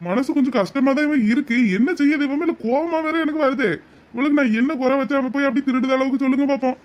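A man's voice: extremely high pitch, fairly even intonation, fast talker, dull audio. A man voicing an aggrieved young husband in a cartoon, complaining in a stream of rhetorical questions. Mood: indignant. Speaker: cartoon voice actor. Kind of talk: cartoon voice acting.

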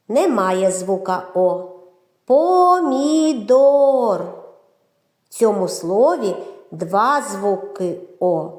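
Brief: female teacher-narrator for a kids' lesson, slow and very sing-song, roomy echo. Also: mid-range voice, a little mellow. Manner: slow, clear, drawn-out teacher's delivery. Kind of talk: children's phonics lesson narration.

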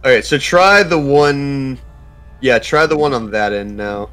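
A man does casual gaming commentary with faint music behind him. He talks like a coach, giving instructions and advice, and swears freely in a medium-pitched voice. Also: unhurried, a bit bright, smooth. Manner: instructive, advising. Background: video game music.

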